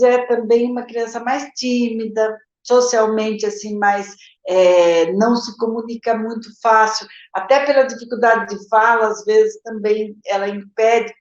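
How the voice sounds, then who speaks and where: A woman's voice: a little high, reverberant, highs cut off. Brazilian woman teacher answering questions live. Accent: Brazilian Portuguese. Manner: explanatory, addresses viewers directly with "gente" and "tá?".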